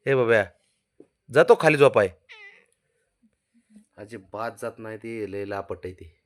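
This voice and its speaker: A man's voice: fairly low pitch, measured pace. A man speaking, chatting casually and teasingly to his pet cat, coaxing it and often raising his voice. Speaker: pet owner.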